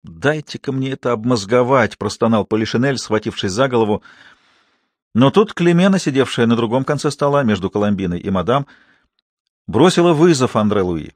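A man reading a novel aloud as scripted narration, expressive and animated. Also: brisk, dry recording. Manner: expressive reading, rising pitch for quoted speech. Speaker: audiobook reader.

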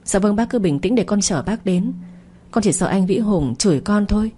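A woman's voice: medium pitch, expressive, moderate pace, warm tone, breathy edge. Woman voicing a sly two-faced young woman. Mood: fake polite. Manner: falsely polite and meek, sly when alone. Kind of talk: audio story reading.

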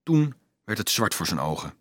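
A man reading a novel aloud as a dramatic, expressive audiobook narrator. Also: on the low side, moderate pace, no room sound. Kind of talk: scripted narration.

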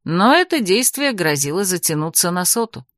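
A woman reading a first-person story aloud as an audiobook narrator, in a lively, wry manner. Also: lowish voice, normal speed, dry recording, studio quality.

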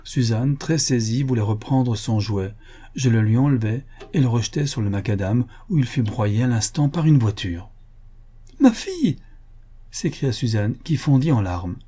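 A man reading a novel aloud in measured, earnest narration. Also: mid-range voice, mellow, slightly rough. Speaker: audiobook narrator. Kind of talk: scripted narration.

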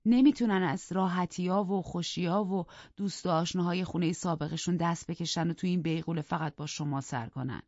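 A man's voice: high voice, fairly even intonation, a little mellow, no echo. A man voicing a sensible middle-aged housekeeper woman who pleads earnestly in a raised voice in an audiobook. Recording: dry, dull lo-fi recording.

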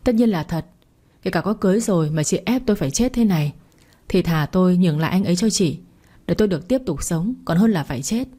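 A woman's voice: on the low side, expressive, fast, warm tone. A woman voicing a frightened young woman who pleads urgently. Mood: pleading.

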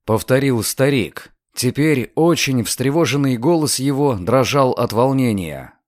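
A man reading a novel aloud as audiobook narrator, in an expressive storytelling manner. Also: medium pitch, unhurried, no room sound, studio quality. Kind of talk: scripted narration.

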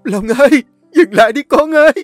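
A man voicing a desperate middle-aged mother who is fierce and tearful, with a high shrill pleading voice. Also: animated, moderate pace, husky, dry recording, soft background music.

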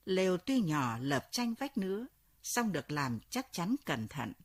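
A woman narrates a ghost story at a slow, unhurried pace, her voice slightly husky. Her low voice moves through wide, expressive swings of pitch, giving the tale a dramatic, brooding feel.

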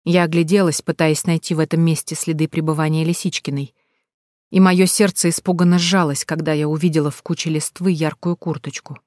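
A woman reads a first-person story aloud with a tense, dramatic delivery. Her voice sits on the low side, and the recording is dry and close with no room sound. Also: steady tone, fairly quick, a little mellow, dry recording.

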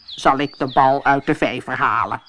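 A woman voicing a gentle, patient male frog in a storybook reading, slow and coaxing. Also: a bass voice, slight background noise, pitched below the performer's own voice.

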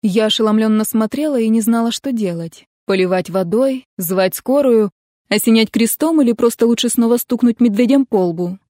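A woman's voice: fairly high pitch, normal speed, warm tone, dry recording, studio quality. A woman reading first-person narration from a novel, with emphatic delivery of the dialogue. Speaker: audiobook reader.

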